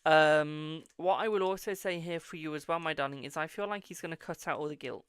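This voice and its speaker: The voice is mid-range, brisk and a bit bright, with a clean tone. It comes from a tarot reader from England with a posh English accent who hosts a live stream, reading cards, chatting casually, swearing freely and calling viewers "my darling".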